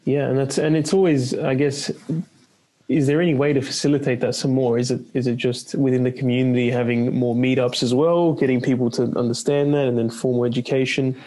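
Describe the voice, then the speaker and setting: A man hosting a podcast interview over a video call, agreeable and quick to say yeah. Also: medium pitch, steady tone, warm tone. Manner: agreeable, lots of "yeah" backchannels. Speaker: podcast host.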